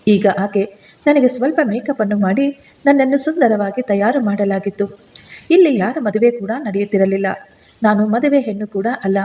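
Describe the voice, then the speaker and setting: A woman tells a dramatic first-person family story in a steady, earnest way. Her voice is mellow and dark-toned, sitting at an ordinary pitch for a woman.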